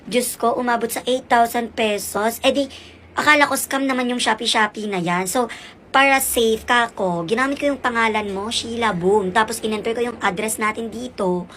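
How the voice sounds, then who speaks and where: A man's voice: very high voice, moderate pace, sharp tone, slight background noise. A ten-year-old boy playing a brash, boastful wealthy woman friend who chatters in a comedy skit. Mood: sheepish. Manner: chatty and showy, mixing in English. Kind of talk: comedic skit with one kid playing every role.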